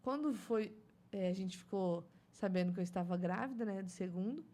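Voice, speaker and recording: Speaking at normal speed in a mellow, mid-range voice, a Brazilian mother in her thirties is a guest in a casual chat. She discusses motherhood, laughs frequently and muses about faith.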